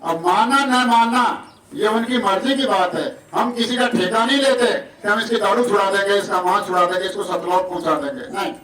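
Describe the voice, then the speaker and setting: A man's voice: high-pitched, moderate pace, a bit bright. A man preaching at a village satsang gathering from Rajasthan, folksy and humble, acting out villagers' voices as he makes announcements. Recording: echoey, distant, outdoor noise.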